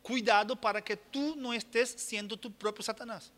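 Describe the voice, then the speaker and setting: A man preaching a sermon as pastor, joking asides and forceful exhortation. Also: sits high, fairly even intonation, moderate pace, in a large hall.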